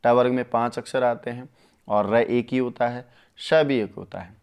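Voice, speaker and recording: A man runs a live online Sanskrit lesson for exam takers, speaking close to the mic. He talks with eager warmth toward his students. He drags out each grammar rule syllable by syllable so the class can follow. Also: medium pitch, steady tone, clear, resonant tone. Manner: enthusiastic, addresses viewers as friends, slows to spell out sutras. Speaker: Sanskrit teacher.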